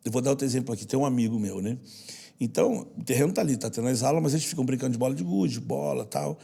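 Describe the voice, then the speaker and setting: This is a man from Brazil with a deeply husky, gravelly voice, speaking as a podcast guest. He talks in an earnest, heartfelt way and often softens almost to a hush. His pitch sits in an ordinary middle register. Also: rapid-fire. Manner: earnest, heartfelt, drops to a soft hush at times. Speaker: podcast guest, social project leader. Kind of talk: personal storytelling in conversation.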